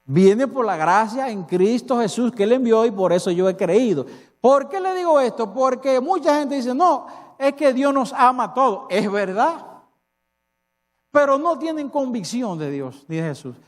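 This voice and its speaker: Preaching in a church hall full of echo, a Dominican pastor with a very high voice swings widely in pitch at a normal speed. He is emphatic, repeatedly asking the congregation rhetorical questions in Dominican Spanish.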